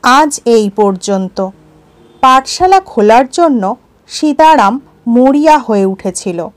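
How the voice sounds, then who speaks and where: A woman narrating a story in a measured storybook reading, as a storyteller for her listeners. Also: a little high, lively intonation. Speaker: audiobook narrator. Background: faint music.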